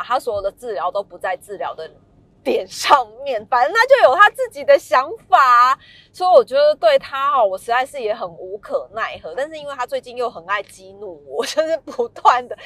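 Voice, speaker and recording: A woman's voice: a little high, no room sound. Taiwanese mandarin accent woman telling a story, chatty and fed up, dry close mic. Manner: chatty, exasperated, animated. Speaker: storyteller host. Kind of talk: casual storytelling.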